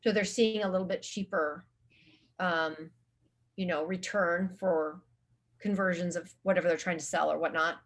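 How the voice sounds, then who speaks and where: A woman's voice: fairly low pitch, fairly even intonation, normal speed. Chatty woman rambling about marketing. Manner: rambling, with many restarts and filler words. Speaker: guest social media marketing specialist. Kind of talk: casual conversational interview.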